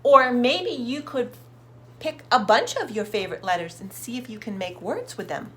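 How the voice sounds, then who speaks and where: Reading a picture book aloud to young children, a woman hosts storytime, speaking slowly and expressively, sounding out words, addressing her listeners directly and asking them questions. Her pitch is fairly high, with slight background noise.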